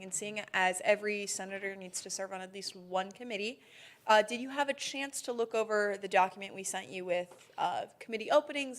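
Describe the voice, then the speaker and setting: A young woman in a student senate meeting, chatting in a friendly way as she introduces nominees and asks them questions. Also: mid-range voice. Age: young adult. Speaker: senate speaker presenting nominees. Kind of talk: formal meeting remarks.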